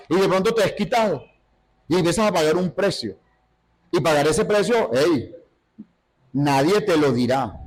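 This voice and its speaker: A man leads a Bible study in a sermon style, animated, throwing out rhetorical questions and acting out quotes. His voice is a little high, and the audio quality is poor.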